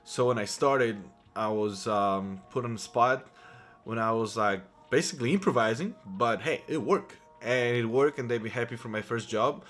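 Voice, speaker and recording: A man's voice: mid-range voice, normal speed, fairly bright tone, soft background music. A man in his thirties from Poland with a Polish accent, telling his life story to camera in a chatty, rambling way with many restarts. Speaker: vlogger. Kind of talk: casual personal storytelling to camera.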